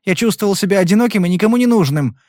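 A weary husband pleading his innocence and owning his guilt, voiced by a man reading aloud. The voice is fairly high and moves around a lot in pitch. It sounds close and dry. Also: lively intonation, very fast, darkish tone, dry recording. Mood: remorseful. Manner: pleading, remorseful.

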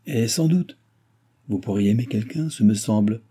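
A commanding mesmerist presses his questions with curt, insistent authority, read by a man. His voice sits low and dark, with a husky edge. He gives orders as though he expects nothing but obedience. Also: animated, moderate pace. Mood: probing. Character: commanding male mesmerist, smooth and probing.

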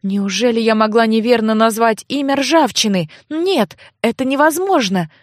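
A woman narrating a first-person novel aloud as an audiobook, in a measured storytelling voice. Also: fairly high pitch, no room sound, studio quality.

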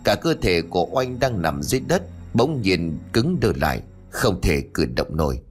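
A man narrating a ghost story audiobook in an expressive, dramatic way. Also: low voice, normal speed, faint music behind.

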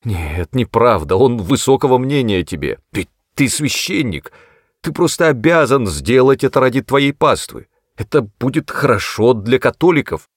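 A man's voice: medium pitch, lively intonation, drawn-out words, hardly any pauses, darkish tone, no room sound, studio quality, voice pushed up. A man reading an audiobook, voicing a stammering middle-aged man who begs desperately and later turns spiteful. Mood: pleading. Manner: stammering, pleading, then hissing with spite. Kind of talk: audiobook character voice.

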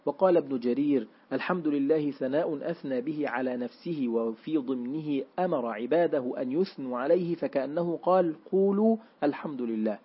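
A man reading a classical Quran commentary aloud in a steady, measured, formal way. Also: a little high, slightly rough, lo-fi sound.

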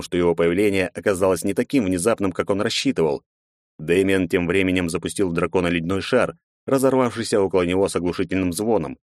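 Low-voiced male audiobook narrator. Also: no echo, studio quality. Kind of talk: scripted narration.

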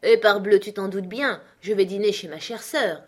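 A woman voicing a jovial, bold prankster doctor, loud, hearty and teasing. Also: mid-range voice, moderate pace, close to an everyday voice.

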